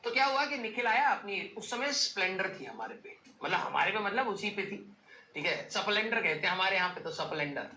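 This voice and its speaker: A young man tells his class a rambling, joking tale from his school days. His voice is bright, and English phrases slip into his talk. The room is echoey, with a faint hum behind him. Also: high voice, sing-song, brisk. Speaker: teacher. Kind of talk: casual storytelling to students. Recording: roomy echo, faint background noise.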